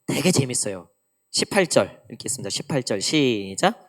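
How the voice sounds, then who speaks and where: Animated woman preaching a sermon. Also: a bass voice, normal speed. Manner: animated preaching, acts out God's teasing lines. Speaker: pastor. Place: church sanctuary.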